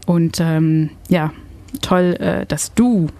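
A woman's voice: low voice, extremely slow, mellow. A woman from Belgium hosting a casual radio chat, searching for words and laughing often. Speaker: radio host.

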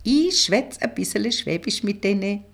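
A woman's voice: mid-range voice, expressive, a little slow, vocal fry, pitched above the performer's own voice. A woman reading an audiobook, voicing a mischievous female colleague with a Swabian accent in a raised, playful tone. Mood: teasing. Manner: playful, bright and teasing.

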